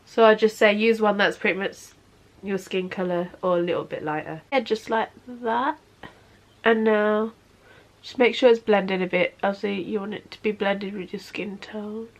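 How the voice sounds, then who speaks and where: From her bedroom, seated on the bed, a woman in her twenties chats her way through a makeup tutorial. She's sniffly, speaks at a normal speed in a medium-pitched voice, and leans on the word "obviously" a lot.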